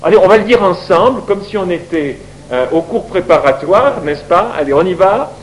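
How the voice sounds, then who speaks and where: A man's voice: high-pitched, moderate pace, a little hiss or hum, rough recording. A man teaching the Bible to a congregation, asking them questions as he goes. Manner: lively, questions the audience.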